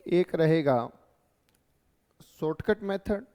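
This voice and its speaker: A man's voice: fairly high pitch, takes it slowly, mellow, clear, resonant tone. Man teaching in a reverberant classroom. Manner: explains step by step, checks in with "right" and "okay". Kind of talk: classroom lecture.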